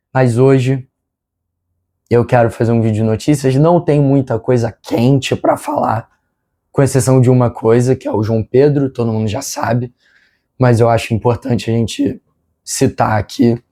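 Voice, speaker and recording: Hoarse Brazilian man with a smoker's rasp. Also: mid-range voice, moderate pace, warm tone. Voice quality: congested, nasal. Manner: apologetic, rambling. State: hoarse, strained sore throat with throat clearing. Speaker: football fan channel host. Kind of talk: casual news vlog. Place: his room at home.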